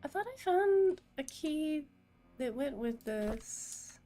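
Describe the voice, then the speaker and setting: A woman talks her way through a murder mystery game on stream in a casual, chatty manner, her voice sitting a little high. She reads found notes aloud and cheers when new subscribers arrive. Faint game music plays under her voice. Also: animated, takes it slowly, warm tone.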